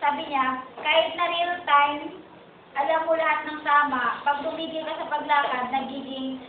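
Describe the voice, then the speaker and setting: High-voiced woman teaching in an echoey hall. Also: fairly even intonation, moderate pace, slight background noise. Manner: keeps repeating "sabi niya" while retelling a preacher's points. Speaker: Bible study teacher. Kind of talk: Bible study teaching. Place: chapel hall. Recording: tinny, echoey, distant lo-fi hall recording.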